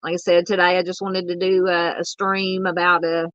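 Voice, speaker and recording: A woman from the American South hosting a true crime livestream, talking casually and haltingly with lots of ums and uhs while she reads chat. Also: lowish voice, little pitch movement, fairly bright tone, no echo, muffled recording.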